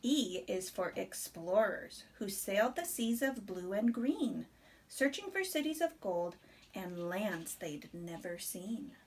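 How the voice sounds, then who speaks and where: A woman reads a rhyming picture book to a young child, expressive and deliberate in storybook style, breaking off for chatty asides. Her voice sits in the mid-range and is slightly rough.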